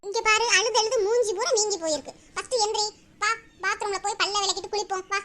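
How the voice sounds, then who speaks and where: A woman's voice: very high-pitched, steady tone, fast talker, a bit bright, a little hiss or hum. A woman playing a young mother, coaxing and scolding her child.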